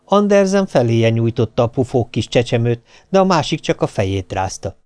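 A man giving a steady, measured audiobook narration. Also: medium pitch, clear, resonant tone, no room sound. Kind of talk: scripted narration.

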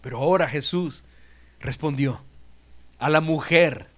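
A man's voice: a little high, measured pace, a bit bright. A male pastor preaches a sermon. He drives his points home by repeating them and asking the congregation rhetorical questions. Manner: emphatic, repetitive, rhetorical questions.

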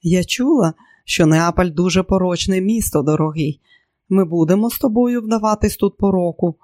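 Man doing a showy, excitable young woman. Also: moderate pace, no echo, clean studio sound, close to an everyday voice. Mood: teasing. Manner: high excited bursts, exclamations.

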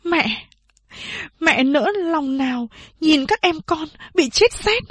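A woman's voice: high-pitched, expressive, slow pace, no room sound, pitched above the performer's own voice. A woman voicing a determined young woman who answers her mother firmly. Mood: resolute. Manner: firm, resolute.

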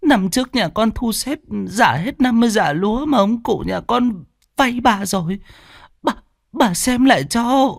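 A man's voice: extremely high pitch, animated, unhurried, gravelly, no echo, clean studio sound, pitched above the performer's own voice, exaggerated voice. A man voicing a frightened young peasant woman who stammers trembling pleas. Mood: pleading.

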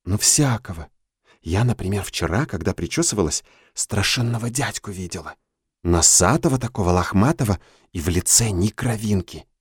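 A man's voice: fairly low pitch, lively intonation, normal speed, slightly rough, no room sound, clean studio sound. A man voicing a timid, earnest young girl who talks in a hesitant, pleading way. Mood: confiding.

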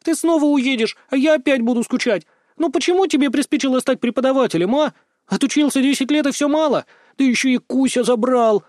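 An audiobook reader voicing an impulsive, excitable young girl who bursts out loudly and dramatically. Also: mid-range voice, brisk, dry recording, studio quality, pitched above the performer's own voice, close to an everyday voice. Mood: indignant. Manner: loud, dramatic, pouting outbursts.

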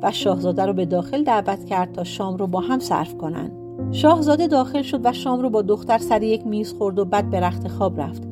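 A woman reading a folktale aloud in a calm, even storybook narration. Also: medium pitch, over music. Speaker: audiobook reader.

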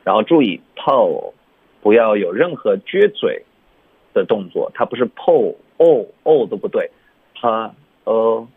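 低沉沙哑的男老师，电话般窄频音质. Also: male voice, on the low side, animated, gravelly, slightly rough, dry recording. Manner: explains patiently, demonstrates words slowly. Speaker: English pronunciation teacher. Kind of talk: radio lesson chat. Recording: narrow phone-like sound.

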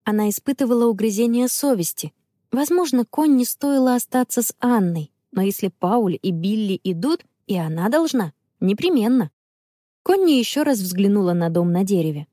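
A woman narrating a children's story aloud in an expressive, storytelling manner. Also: medium pitch, moderate pace, dry recording. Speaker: audiobook narrator.

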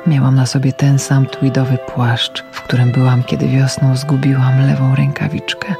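A woman reading first-person literary prose for radio in a quiet, reflective manner that sinks into whispers. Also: very deep voice, little pitch movement, normal speed, creaky. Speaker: radio reader. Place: radio studio. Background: music.

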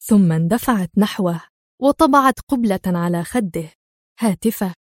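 A woman narrating a thriller audiobook in a measured, expressive storytelling voice. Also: mid-range voice, no echo, studio quality.

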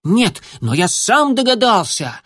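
A man voicing an eager, boastful young male kitten in a storybook reading, chattering excitedly. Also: moderate pace, no room sound, studio quality. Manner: excited, bragging, high-pitched chatter.

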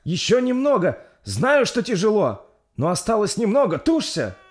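A man doing a shouting young midwife. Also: sits high, wildly swooping pitch, moderate pace, pitched above the performer's own voice. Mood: urging. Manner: shouted urging commands. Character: young midwife, urgent and encouraging.

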